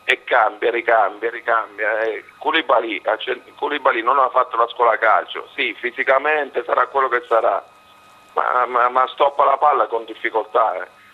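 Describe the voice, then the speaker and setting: A man calling a football phone-in with his voice giving out, hoarse, halting and repeating himself as he gives his opinions. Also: mid-range voice, steady tone. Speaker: phone-in caller, football fan. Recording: muffled, band-limited phone line.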